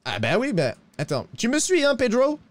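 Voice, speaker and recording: A man's voice: huge pitch swings, moderate pace, full character voice. A man playing a broke, bumbling cowboy with a put-on accent in a western roleplay, talking theatrically and tacking 'hein' onto his lines. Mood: pleading. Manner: theatrical, sliding pitch, tacks 'hein' on lines. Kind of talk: in-character roleplay.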